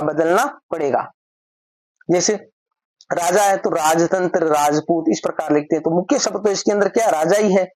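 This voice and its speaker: A male teacher talks through a grammar lesson for exam students, pausing to check in and then moving to the next rule. His voice sits close and dry, with no room sound around it. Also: sits high, no echo, poor audio. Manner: steady explaining, often repeats step cues.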